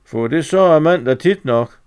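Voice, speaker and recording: A calm male farmer who states things plainly and without fuss. The voice is smooth and clear, close to ordinary speech, in a man's reading of a story. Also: on the high side, voice pushed up, natural voice.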